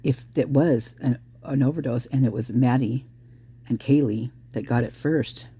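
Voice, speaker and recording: This hoarse true crime commentator thinks aloud and speculates in an easygoing way, blurting out exclamations whenever a new idea strikes. The voice sits in the mid-range, mellow and measured in pace.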